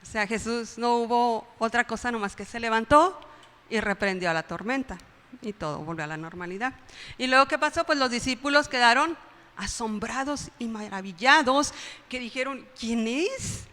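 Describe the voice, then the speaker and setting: A woman delivers a friendly, conversational sermon with a fairly high, bright voice. She keeps checking in with the congregation and laughs at her own retellings. The sound carries the long reverb of a church hall. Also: moderate pace. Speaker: preacher.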